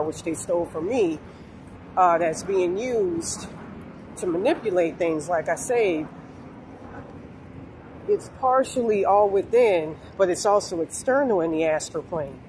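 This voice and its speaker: A woman in her forties talking outdoors in a meandering, halting way with many fillers and curses, filmed on a phone held at arm's length. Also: lowish voice. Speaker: vlogger. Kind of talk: rambling spiritual vlog. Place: outdoors on a sunny street. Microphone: phone held low at arm's length. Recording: phone outdoors with faint traffic noise. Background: faint street noise and passing cars.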